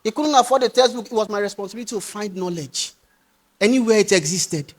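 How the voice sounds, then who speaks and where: A middle-aged motivational speaker delivers a passionate speech to young people, swinging from loud urging to quiet pleading. His voice sits high, and he talks fast.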